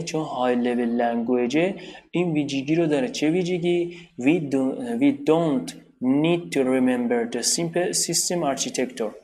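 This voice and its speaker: A man's voice: medium pitch, darkish tone. Casual male tutor, talks through lessons with restarts and repeats, plain mid voice, light noise behind. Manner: rambling, restarts and repeats while explaining. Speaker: programming teacher. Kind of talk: informal spoken tutorial.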